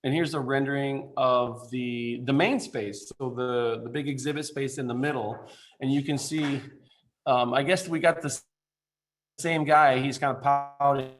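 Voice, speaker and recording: A man speaks remotely over a video call, walking a council through a building design. His delivery is informal and halting, full of fillers and restarts, at a middling pitch. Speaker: architect presenting a building design. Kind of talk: presentation to a council.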